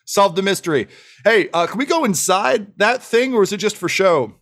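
A man's voice: sits high, lively intonation, normal speed, a bit bright, voice pushed up. A man voicing a brash, showy female gnome scientist who talks in a theatrical, boastful, blunt way. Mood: cheeky.

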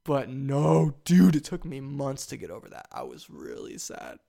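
Young male podcast host, 19, mid-pitched with vocal fry, eager and rambling. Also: normal speed. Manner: eager and rambling, with big excited jumps in pitch. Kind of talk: solo podcast monologue.

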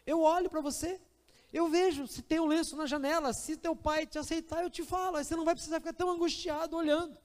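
A man's voice: extremely high pitch, fast, pitched above the performer's own voice. Man putting on an eager young woman, Brazilian accent. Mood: helpful. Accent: Brazilian Portuguese. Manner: eager, reassuring, grows excited. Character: kind chatty young woman on a train. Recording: reverberant church hall.

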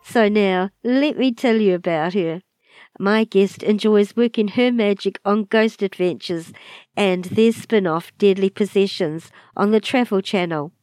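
A woman with a New Zealand accent introducing her podcast as host, sounding raspy and short of breath from a chest infection. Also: medium pitch, measured pace, a little mellow, no echo.

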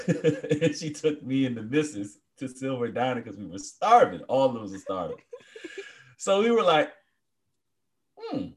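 Animated man telling a story. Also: a little high. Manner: animated storyteller, slangy, laughs often. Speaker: podcast co-host. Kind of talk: casual chat.

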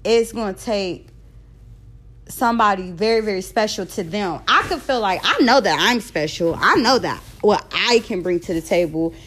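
A woman's voice: mid-range voice, moderate pace, fairly bright tone. A woman in her thirties hosting a podcast on her own, talking bluntly and candidly in a casual monologue and sometimes stumbling over her words. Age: 30s. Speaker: podcast host.

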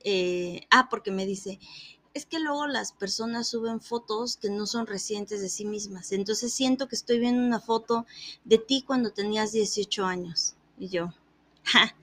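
Animated woman in her thirties. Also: medium pitch, normal speed. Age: 30s. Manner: animated, acts out quoted dialogue, laughs often. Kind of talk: casual storytelling chat.

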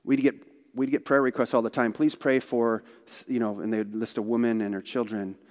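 A man's voice: mid-range voice, fairly even intonation, brisk, darkish tone. A man speaking for a missionary organization, telling stories in a conversational church talk with asides. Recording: long hall reverb.

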